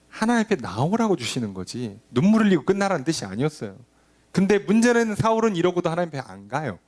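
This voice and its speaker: A middle-aged man preaching a sermon with a lively, swinging voice that climbs high on a point and then sinks to a low, quiet murmur. He speaks a little high for a man and questions his listeners directly. The delivery is animated preaching. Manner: animated preaching, drops to a low murmur for emphasis, acts out quoted lines. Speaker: pastor.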